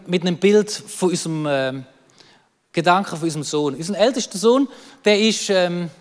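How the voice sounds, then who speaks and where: A man with a Swiss German accent preaching a lively sermon, acting out quoted voices and repeating words as he goes. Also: sits high, long reverb tail. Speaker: pastor.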